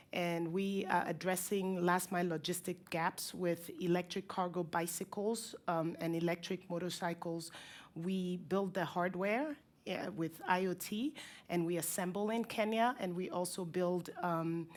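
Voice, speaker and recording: A woman in her fifties from Ghana and Cameroon, introducing herself on a panel with halting restarts and light laughter. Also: on the low side. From Ghana, raised in Cameroon. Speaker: panelist, e-mobility company leader. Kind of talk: panel discussion.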